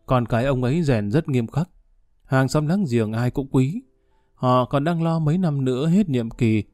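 A man reading a calm older gentleman. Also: mid-range voice, normal speed, dry recording, studio quality, soft background music, natural voice. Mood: assured. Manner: reasoned, reassuring.

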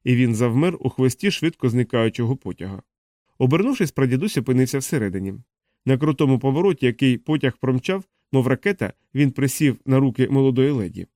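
A man reads an audiobook in an expressive storytelling manner, his pitch at an ordinary middle range. The sound is close and dry with no room around it. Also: fairly quick, no room sound. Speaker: audiobook narrator. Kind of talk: scripted narration.

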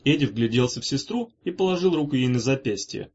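A man narrating an audiobook in an expressive, animated reading style. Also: medium pitch, a little fast, husky. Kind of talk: scripted narration. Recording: dull lo-fi recording.

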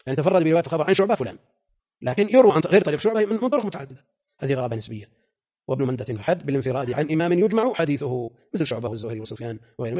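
Older male scholar lecturing on a classical text, husky, very fast, firm. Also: mid-range voice, darkish tone. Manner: rapid, emphatic, rhetorical questions. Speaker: scholar teaching hadith terminology.

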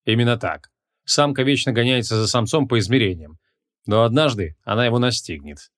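A man's voice: mid-range voice, expressive, fairly quick, fairly bright tone, close to an everyday voice. A man reading the part of a stern, short-tempered male archmage in an audiobook, with commanding, curt questions.

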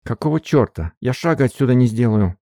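A man's voice: fairly low pitch, lively intonation, fairly quick, gravelly, warm tone, no room sound, studio quality. A man reading a cold, defiant young woman in an audiobook, with clipped lines raised above his own voice. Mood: furious.

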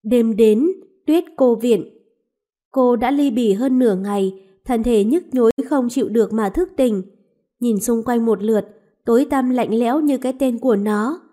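A woman narrating a romance audiobook in a dramatic, expressive way. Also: fairly high pitch, moderate pace.

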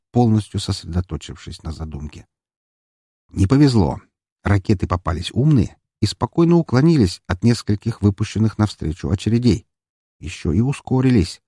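Low, dark-voiced male audiobook narrator. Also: no room sound, clean studio sound. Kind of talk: scripted first-person narration.

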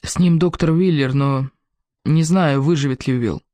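A woman voicing a young nurse who speaks quietly and gravely. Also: deep voice, unhurried, dry recording.

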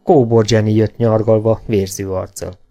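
A man narrating an audiobook, shifting his voice up for shouted lines. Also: little pitch movement, faint music behind. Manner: raises pitch and volume sharply for shouting outlaws. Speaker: audiobook reader. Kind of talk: audiobook narration of a western novel.

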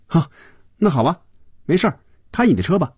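A man's voice: fairly high pitch, big pitch swings, a little mellow, slightly rough, dry recording, clean studio sound, pitched above the performer's own voice, exaggerated voice. A man voicing a playful young female office worker who teases her boss. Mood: teasing. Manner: teasing, quick, pouty.

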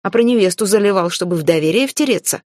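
A woman voicing a hot-tempered young male mage who blusters and shouts indignantly in an audiobook. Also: mid-range voice, animated, fast, no room sound, studio quality, lightly acted. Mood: furious.

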